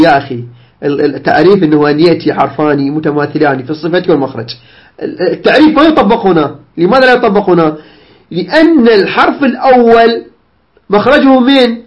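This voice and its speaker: A man with a high voice gives a recitation lesson. He is sick, and his voice comes out strained. He repeats each example slowly and patiently, and the recording sounds dull and lo-fi. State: unwell, voice strained. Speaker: Quran recitation teacher.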